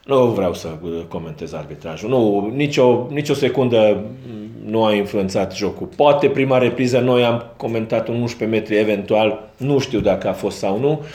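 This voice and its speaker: A man's voice: fairly low pitch, few pauses, dark tone. A man speaking as a football coach at a post-match press conference, frank and self-critical. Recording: roomy echo.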